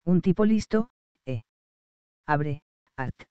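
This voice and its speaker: A man purring as a calm, menacing gangster. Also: on the high side, takes it slowly, clear, resonant tone, no echo, muffled recording. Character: smooth, menacing male gangster. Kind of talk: audiobook character voice.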